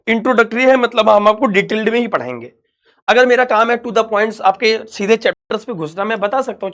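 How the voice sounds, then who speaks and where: A young man, teaching an online physics class in a chatty, reassuring way and calling the students his dear children. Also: high voice.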